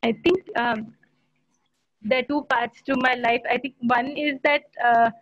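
An Indian woman in her thirties speaks in a fairly high voice, with many pauses, fillers and restarts. The audio comes through a laptop on a video call. It sounds dry and muffled. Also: fairly even intonation, fairly bright tone, no echo. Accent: Indian English. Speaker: panelist. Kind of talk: online panel discussion. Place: home room. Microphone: laptop webcam on a video call.

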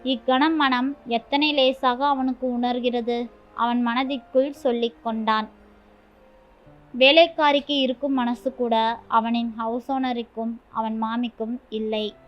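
A woman storyteller hosting her channel, reading a short story in a calm, even way. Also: on the high side, slow. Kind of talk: scripted short-story narration. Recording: dull lo-fi with faint music.

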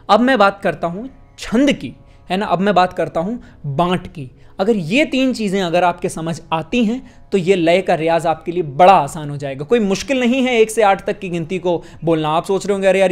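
A man teaches a spoken music lesson, counting beats aloud in even rhythmic groups. He explains patiently and keeps checking that the student understands. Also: sits high.

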